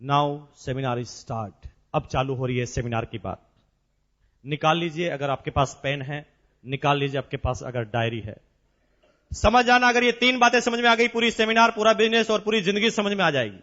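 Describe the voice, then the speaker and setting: A man speaking as a motivational business seminar speaker in a large hall, emphatic and repetitive, with rhetorical questions and drawn-out stresses. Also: a little high, animated, a bit bright, dull audio.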